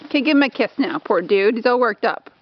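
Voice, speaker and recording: A woman's voice: fairly high pitch, animated, fast, dull audio. A woman filming her horse outdoors by a fence, chatting to him fondly and laughing often, on a handheld camera. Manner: laughing often, cooing affectionately. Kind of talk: casual chat to a horse.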